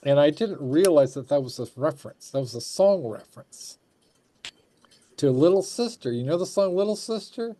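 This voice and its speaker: A man's voice: fairly high pitch, expressive, moderate pace, warm tone. A man hosting a casual chat, effusive and rambling, often repeating his phrases. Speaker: show host.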